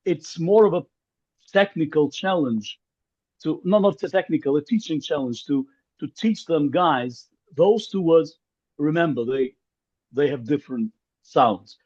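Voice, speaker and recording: A man with a fairly high, expressive, slightly mellow voice speaks at an unhurried pace. A native Ukrainian speaker, he takes part in a workshop discussion over a video call, hesitating, restarting his phrases and repeating words often. The call audio is muffled and lo-fi.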